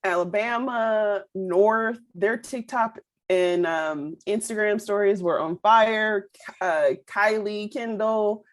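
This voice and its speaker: A woman co-hosting a podcast in casual chat, talkative and quick to laugh. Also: mid-range voice. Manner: chatty, laughs often. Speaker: podcast co-host.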